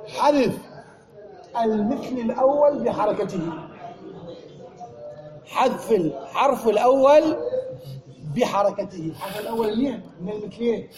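A man's voice: extremely high pitch, normal speed, long pauses, over music. A man with an Iraqi Arabic accent teaching a grammar lesson to a class, drilling students with repeated questions. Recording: echoey room, class audible.

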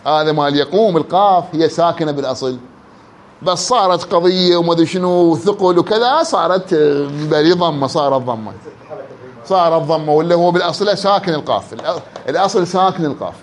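Male grammar teacher with an Iraqi accent, high-pitched. He quizzes the class and draws out example words slowly. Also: slight background noise. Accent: Iraqi Arabic. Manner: quizzes students, drawls words out slowly to illustrate. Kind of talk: classroom lesson.

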